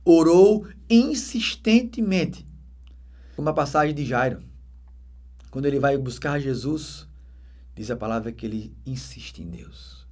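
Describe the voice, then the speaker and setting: Swinging between loud, emphatic outbursts and quiet, soft stretches, a male deacon with a Brazilian Portuguese accent delivers a dramatic testimony of his conversion. He speaks at a moderate pace in a medium pitch with fairly even intonation.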